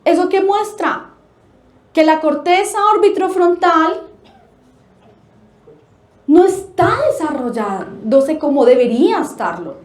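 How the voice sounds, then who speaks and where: A Colombian woman giving a lecture at a family forum, animated, asking rhetorical questions and acting out quotes. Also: sits high, takes it slowly, pauses often, roomy sound. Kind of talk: lecture to an audience. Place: forum hall.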